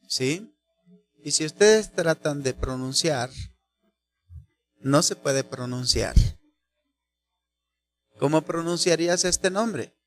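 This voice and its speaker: A man preaching a sermon, teaching slowly and deliberately, asking his listeners rhetorical questions and stretching out key phrases for emphasis. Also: on the high side, lively intonation, a bit bright.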